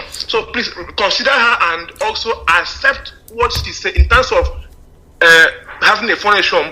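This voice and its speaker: A man calling in to a radio show over a phone line, speaking haltingly with many fillers and repeated words. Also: sits high, sharp tone. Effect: heard over a phone line. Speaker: radio call-in caller. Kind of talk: earnest call-in comment.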